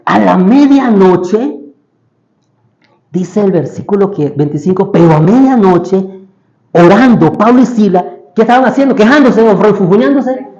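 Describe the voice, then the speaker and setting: A man with a high voice delivers a sermon and keeps asking his listeners rhetorical questions. He acts out the lines of biblical characters as he preaches. The recording is echoey and dull, with a lo-fi sound. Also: mellow.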